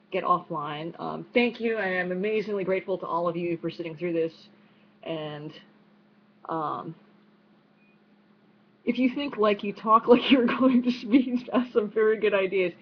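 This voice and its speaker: A woman with a New York accent answering audience questions online in a quick, chatty way, full of fillers and restarts. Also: fairly low pitch. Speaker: speaker at an online unconference. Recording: dull lo-fi stream with faint noise.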